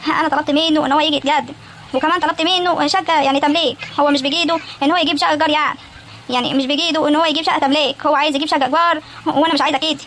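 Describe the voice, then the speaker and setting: A woman's voice: high-pitched, steady tone, rapid-fire, fairly bright tone, a little hiss or hum. A woman with an Egyptian accent voicing a shy, frightened young village girl in a cartoon, hesitant and pleading. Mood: confessing. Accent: Egyptian Arabic. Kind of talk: animated cartoon acting.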